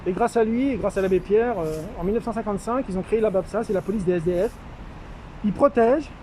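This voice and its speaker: A man speaking through a face mask, slightly muffled, giving an informal, halting video update with drawn-out hesitations. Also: high-pitched, a little mellow. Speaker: street medic caring for a homeless man. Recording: noisy outdoor street with traffic.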